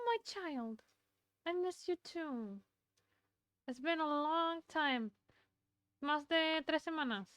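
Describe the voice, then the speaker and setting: A woman chatting casually on a live stream, excitable and swearing freely, switching back and forth between English and Spanish. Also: high voice, dry recording.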